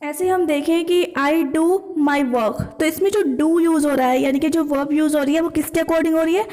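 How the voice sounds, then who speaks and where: A woman teaching English grammar, asking herself questions and answering them, and reading the example sentences slowly. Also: high-pitched, steady tone, darkish tone, in a large hall. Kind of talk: explaining grammar lesson.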